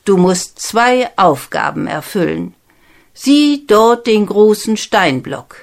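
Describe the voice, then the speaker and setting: Woman doing a stern old storybook king, slow and commanding, suspicious. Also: mid-range voice, animated, vocal fry, voice pushed up.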